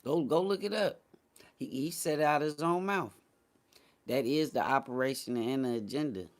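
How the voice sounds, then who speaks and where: An American man hosts a casual morning talk show livestream, talking in a blunt, slangy and dismissive way. His voice is medium in pitch and his pace moderate.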